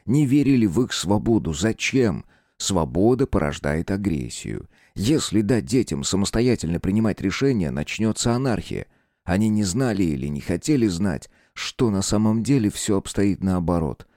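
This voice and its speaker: A man narrates a horror story in a measured, expressive reading. His voice is deep and dark, with a lively, rolling intonation. The sound is close and dry, with no room around it. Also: no room sound. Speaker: audiobook narrator.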